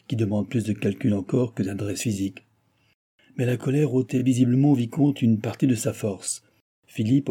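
Audiobook narrator, male, low and dark, a touch husky. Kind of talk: novel reading.

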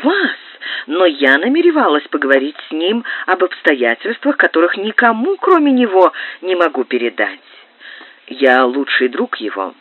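A woman reading an audiobook, voicing an emotional young countess in love, with a high-strung, pleading manner. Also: huge pitch swings, moderate pace, slightly rough, no room sound, full character voice. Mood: agitated. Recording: narrow phone-like band, dry.

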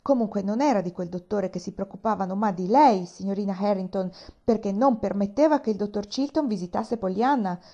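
An earnest young boy, read by a woman, explaining in a rush and pleading to be heard. The voice is mellow rather than sharp. The storybook recording sounds dull and lo-fi. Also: medium pitch, a little fast, natural voice. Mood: urgent. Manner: urgent, pleading.

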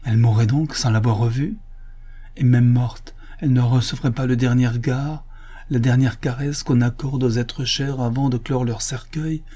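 Male audiobook narrator, earnest and measured, dark husky tone. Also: mid-range voice, fairly even intonation.

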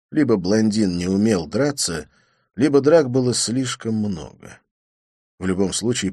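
Deep, expressive male audiobook narrator. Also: no echo, studio quality. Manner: expressive reading. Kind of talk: scripted narration.

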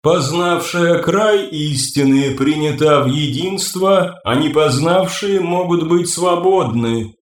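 A man voicing a serene, commanding female being made of flesh, speaking slowly and solemnly with a soft, ringing, imperious voice. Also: a little high, echoey room, voice pushed up. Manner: slow solemn ritual pronouncements.

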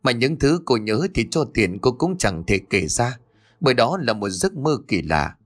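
A man narrating a scripted horror story in an expressive storytelling manner. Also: mid-range voice, moderate pace.

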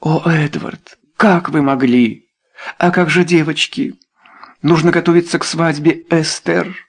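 A man reading an audiobook, voicing a high-strung, reproachful aristocratic mother in a raised voice. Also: fairly even intonation, measured pace. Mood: alarmed.

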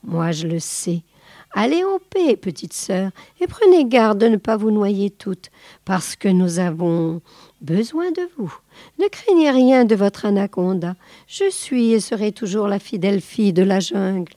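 A woman's voice: mid-range voice, expressive, measured pace, mellow, dry recording, studio quality, natural voice. A woman voicing a proud, stern female giant boa who speaks firmly, in a storybook reading. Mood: commanding. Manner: commanding, firm.

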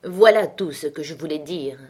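Woman doing witty male surgeon, cool mocking tone, raised and fairly loud. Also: low-pitched, moderate pace, slightly rough. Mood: dry mocking.

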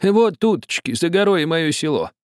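A man's voice: fairly high pitch, big pitch swings, moderate pace, smooth, no echo, studio quality, voice pushed up. A man voicing a stubborn, quarrelsome old village man who grumbles, wheedles and threatens. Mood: pleading.

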